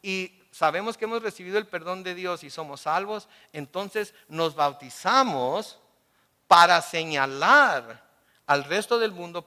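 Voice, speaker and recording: A man's voice: a little high, bright, forceful tone, clean tone, long reverb tail. A male pastor giving a sermon, putting questions to the congregation and answering them with everyday examples. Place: church service auditorium.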